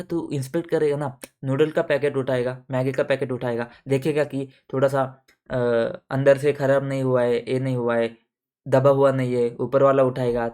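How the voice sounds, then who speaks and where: A man's voice: medium pitch, mellow. A man teaching an audit exam lecture in a casual, buddy-like way, repeating points and checking that students follow. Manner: casual, addresses students as buddies with everyday shop examples.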